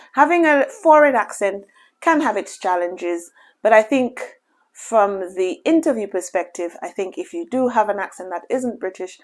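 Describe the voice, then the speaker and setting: In a laid-back vlog, a doctor from Lucia calmly reassures viewers with career guidance, her voice pitched in the middle range. "You know" comes up often in her speech.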